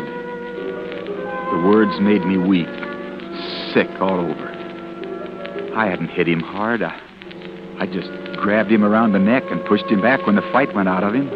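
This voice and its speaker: An actor playing a panicked young man hiding after a killing, narrating his dread in a tense, often hushed inner monologue. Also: on the low side, close to an everyday voice. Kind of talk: 1940s radio drama narration. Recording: dull old radio broadcast.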